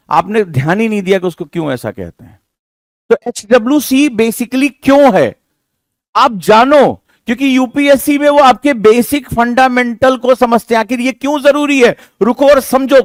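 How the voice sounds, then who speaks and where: A man lecturing a classroom of exam students, his voice pitched high for a man. He talks in an emphatic, rhetorical way, teasing and scolding his listeners as he drives each point home. The sound is dry and close. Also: no room sound. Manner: emphatic, rhetorical, scolding-but-jokey teacher talk. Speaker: exam coaching teacher.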